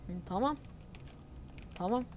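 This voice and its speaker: A gamer and channel host provides live gameplay commentary, speaking directly to her viewers as she rants in exasperation about a suspected cheater. Her voice is on the high side with lively intonation and a slightly slow pace, over slight background noise.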